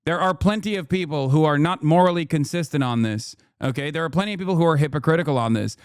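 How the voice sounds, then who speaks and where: A man's voice: fairly high pitch, fast talker, clear, resonant tone, no room sound, clean studio sound. A man doing heated live-stream commentary, blunt and profane as he argues with his chat. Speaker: streamer reacting to clips.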